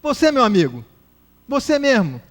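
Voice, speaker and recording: A booming, zealous preacher, as a man acts him out in a talk, hurling his words loud and high-pitched. He shouts with fierce fervor from the pulpit, with nothing quiet about him. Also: huge pitch swings, moderate pace, big-room sound, full character voice. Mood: shouting. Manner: shouting, fervent. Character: loud zealous male church pastor.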